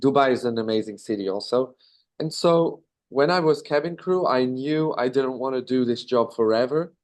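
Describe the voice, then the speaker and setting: A man in his thirties from Belgium with a Belgian accent, answering interview questions in a relaxed, casual way, with fillers and self-corrections. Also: mid-range voice, moderate pace. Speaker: interview guest, business owner.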